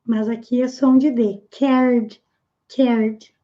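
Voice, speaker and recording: A woman with a high, mellow voice teaches an English lesson at an unhurried pace. She repeats each phrase patiently and clearly, and the recording sounds dull and lo-fi.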